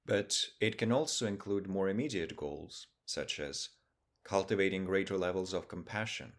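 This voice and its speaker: In a low, calm voice, a male meditation teacher works through a guided session in short, even phrases, pausing at length after each.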